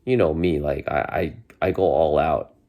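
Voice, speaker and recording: A deep-voiced man in his forties, a vlogger, chats casually to the camera from his bedroom. He sounds congested as he gets over a cold, and his mellow delivery moves at a moderate pace, rambling along with many restarts and fillers.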